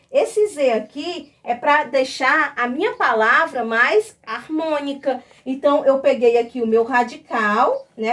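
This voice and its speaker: A woman's voice: high-pitched, distant mic. A woman teacher from Brazil explaining a grammar lesson step by step, often checking in with her class.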